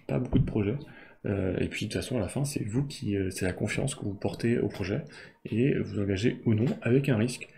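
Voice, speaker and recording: Gravelly low-voiced man chatting casually. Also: fairly quick, mellow, a little hiss or hum. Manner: rambling, many fillers and restarts. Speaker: board game video host. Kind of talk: casual unboxing chat.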